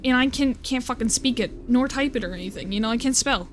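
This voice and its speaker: This young woman talks fast in a higher voice, with faint music playing behind her. Streaming live, she rambles casually, cursing, laughing, and breaking off her own sentences.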